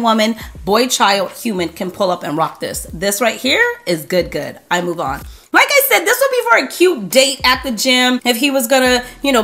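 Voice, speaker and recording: A woman's voice: fairly high pitch, fairly bright tone. Upbeat woman reviewing perfumes at home. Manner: enthusiastic, listing notes in quick rhythmic runs. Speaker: beauty vlogger. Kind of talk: fragrance review vlog. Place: home room with a desk display.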